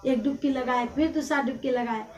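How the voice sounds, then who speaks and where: A woman's voice: high-pitched, steady tone, a little fast, darkish tone. A woman telling a devotional folk tale in a homely, preachy way and addressing her listeners directly. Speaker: devotional storyteller. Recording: roomy sound, mic at a distance.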